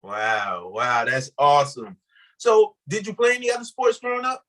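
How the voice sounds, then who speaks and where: A man's voice: on the high side, moderate pace, pushed and bright. A man hosting an interview show, asking questions in an upbeat, folksy way. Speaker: podcast host.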